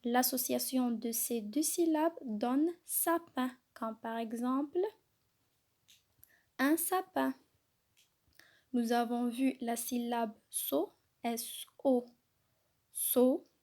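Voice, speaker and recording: Very slow, patient woman teaching reading. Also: a little high, darkish tone. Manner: spells out letters and syllables slowly and patiently. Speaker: kindergarten teacher. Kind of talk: slow, clearly articulated reading lesson for young children.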